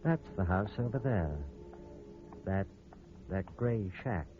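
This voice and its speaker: A man's voice: lowish voice, animated, slow pace, phone-quality sound, soft background music. An actor playing a cold, scheming male surgeon in a 1940s radio drama, heard over an old AM radio broadcast.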